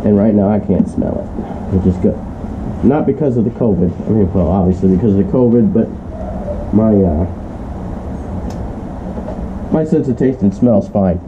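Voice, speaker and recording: A car hobbyist narrates a repair as he works, his fairly low voice stuffy and nasal from a cold, at normal speed with long pauses. He rambles, leans heavily on fillers and swears mildly. The action camera on the job captures dull, lo-fi audio with noise.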